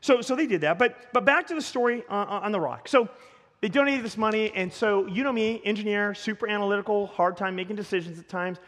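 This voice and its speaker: A man preaching as a pastor, telling a story in an animated way with stumbles and repeated words. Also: high voice, fairly quick. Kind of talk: storytelling sermon. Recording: long hall reverb.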